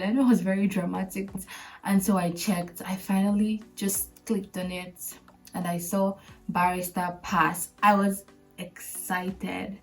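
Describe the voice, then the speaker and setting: A woman hosting a podcast, telling her own story to viewers in a chatty, animated way, laughing often and acting out what friends said. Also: mid-range voice, far from the mic, poor audio. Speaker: podcast host.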